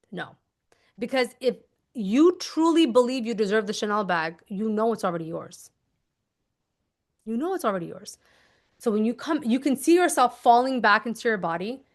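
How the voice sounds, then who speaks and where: A woman coaching manifestation in a casual livestream lesson, chatty and animated, acting out little scenes with sound effects as she explains. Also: mid-range voice.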